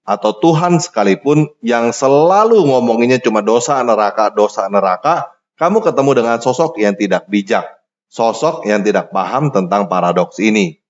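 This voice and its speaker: A man giving a scripted sermon in a measured, emphatic teaching manner. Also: on the low side, muffled recording. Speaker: preacher.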